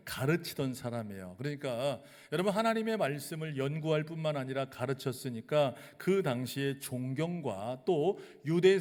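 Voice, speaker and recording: A man's voice: fairly high pitch, darkish tone. A male pastor from delivering a sermon to his congregation and leading them through call-and-response readings. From Chungcheong region, South Korea. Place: church sanctuary. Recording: long church hall reverb.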